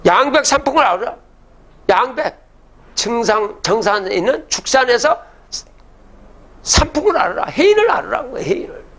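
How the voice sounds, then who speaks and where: A man's voice: very high-pitched, big pitch swings, normal speed, pauses often, fairly bright tone. An older man giving a public lecture, reciting old verses and then explaining them, often asking the audience rhetorical questions.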